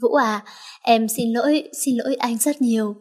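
A woman voicing a young heroine who is cold and deadly with enemies but soft and pleading with her lover. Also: on the high side, moderate pace, slightly rough.

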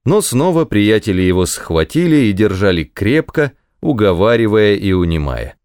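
A man narrating a historical story in a measured, expressive reading. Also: fairly low pitch, smooth, no room sound, studio quality.

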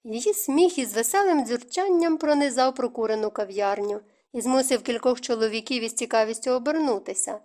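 Woman, audiobook narrator, measured storytelling, fairly high voice. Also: a little mellow. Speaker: audiobook reader.

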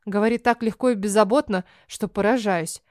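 A woman narrating a first-person novel as an audiobook, expressive and acting out the dialogue. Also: mid-range voice, brisk, dry recording, studio quality.

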